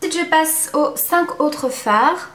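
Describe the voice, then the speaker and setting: A woman giving a casual, chatty makeup review at home, pausing often on fillers. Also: high voice, a bit bright, reverberant. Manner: chatty, many filler pauses. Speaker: beauty vlogger.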